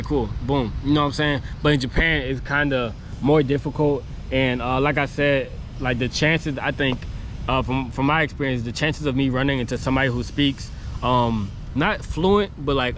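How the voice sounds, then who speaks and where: His voice is medium in pitch and fairly bright as this travel vlogger, a man who is losing his voice, gives casual, rambling vlog talk to camera with lots of fillers. The setting is a city street near construction, noisy with traffic and street sounds.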